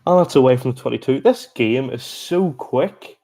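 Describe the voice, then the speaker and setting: A man giving chatty, excitable live reaction commentary on a rugby match, breaking into exclamations. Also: medium pitch, moderate pace. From Ireland. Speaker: sports reaction streamer.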